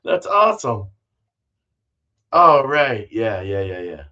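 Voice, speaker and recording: Broadcasting from a small indoor brewing room, the older host, fifties or sixties, rambles casually with a salty mouth and plenty of "dude" and "man." He speaks slowly in a fairly low voice that swings widely in pitch and sounds pushed and bright. The lo-fi livestream audio is dull.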